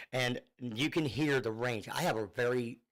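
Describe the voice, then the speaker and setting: Heard over a Bluetooth phone line, a middle-aged man with a northern US accent guests on a radio show as a singer. He chats casually in a mid-range voice at a measured pace, rambling with many fillers and restarts.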